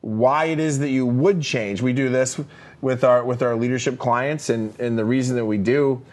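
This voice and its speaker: Energetic man coaching leaders. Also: mid-range voice, moderate pace. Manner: energetic, emphatic, lots of fillers and "right?" tags. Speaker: podcast co-host, leadership coach. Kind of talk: casual leadership podcast chat.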